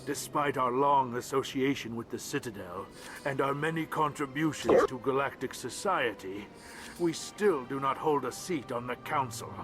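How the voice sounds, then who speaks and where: A man's voice: mid-range voice, animated, normal speed, close to an everyday voice. A man as a condescending little alien diplomat. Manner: formal, dismissive. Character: small, condescending alien diplomat, trader by nature. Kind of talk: video game character dialogue. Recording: game music over the voice.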